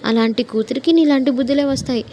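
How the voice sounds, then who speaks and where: A woman's voice: sits high, quick pace, warm tone, a little hiss or hum, lightly acted. A woman voicing a haughty, scornful villainess. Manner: haughty, mocking. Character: arrogant scornful young mother, villain.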